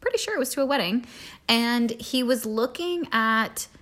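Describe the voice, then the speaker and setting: Lively woman co-host, clear bright tone, casual and chatty. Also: a little high, normal speed. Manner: laughs easily, lively storyteller. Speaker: podcast co-host. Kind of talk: casual chat.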